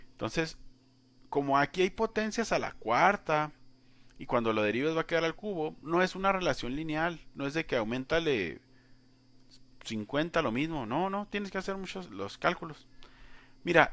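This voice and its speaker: Male math tutor, slightly high, very expressive pitch, chatty step-by-step explainer. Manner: chatty, addresses the student directly, explains step by step. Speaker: math teacher. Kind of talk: informal whiteboard lesson.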